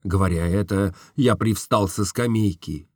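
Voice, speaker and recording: A man's voice: deep voice, a little slow, slightly rough, dry recording, studio quality. A man reading a literary story aloud in the first person, earnest and emotional in his telling. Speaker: reader. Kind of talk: literary audiobook narration.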